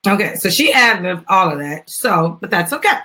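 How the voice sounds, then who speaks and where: Hosting an informal live video, an American business founder and mother of a small child plugs her children's book. Her lowish voice swings widely in pitch, sounding bright and forceful at a moderate pace.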